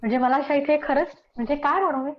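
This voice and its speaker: A woman's voice: sits high, quick pace, muffled recording. A woman hosting a radio interview, asking questions in an admiring manner with hesitant fillers. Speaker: radio host.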